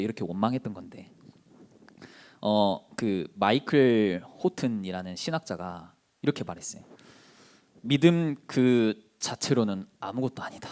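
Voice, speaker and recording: A man preaching a sermon to a college group, animated and full of rhetorical questions, acting out the people in his stories. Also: mid-range voice.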